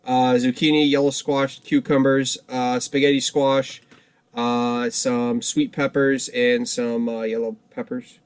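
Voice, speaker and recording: A man's voice: mid-range voice, little pitch movement, takes it slowly, clean tone, no room sound. A young man hosting a casual podcast, rambling with lots of fillers and laughing often. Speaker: podcast host. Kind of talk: casual chat.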